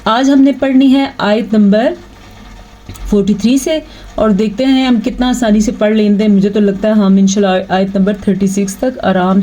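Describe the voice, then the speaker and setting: A woman teaching Quran recitation, explaining patiently and reciting verses in a slow chant. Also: medium pitch, dark tone, poor audio. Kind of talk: online tajweed lesson.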